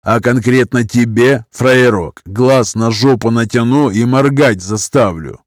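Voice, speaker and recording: A man's voice: mid-range voice, measured pace, no room sound, clean studio sound, close to an everyday voice. A man voicing a huge, scarred criminal who drawls threats in thieves' slang. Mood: menacing.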